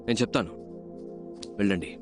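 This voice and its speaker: A man's voice: lowish voice, brisk, lightly acted. A man dubbing a stern officer conducting job interviews, with film music behind. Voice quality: stern, clipped commands. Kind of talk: Telugu film dub dialogue.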